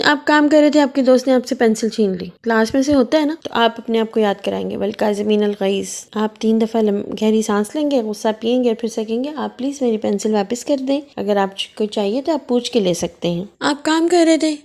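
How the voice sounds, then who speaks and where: A woman teaching a gentle children's Quran lesson, speaking slowly and coaxing the children with questions. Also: on the high side.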